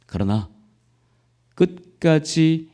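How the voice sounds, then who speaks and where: Male pastor, fervent sermon delivery, slightly high voice, very lively pitch. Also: extremely slow. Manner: impassioned preaching that rises to near-shouting peaks; addresses the congregation directly with repeated rhetorical questions.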